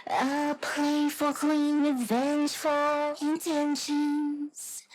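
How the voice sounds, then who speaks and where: A woman singing slowly, her vocal processed into a deep, demonic layered voice inside a song mix. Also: monotone, a little mellow, a little hiss or hum. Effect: demonic layered voice, pitched down and thickened by vocal synth plugins. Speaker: singer. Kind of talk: slow, drawn-out sung vocal. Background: music.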